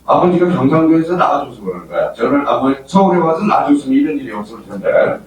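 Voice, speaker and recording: An older exam-prep lecturer with a Gyeongsang accent fires rhetorical questions at a room of students, his pitch rising and falling freely. He is heard from across a strongly echoing lecture hall with a faint hum behind him. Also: quick pace, distant mic. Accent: Gyeongsang Korean. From Gyeongsang region, Korea. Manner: lively, quizzing students with constant rhetorical questions. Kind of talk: classroom lecture.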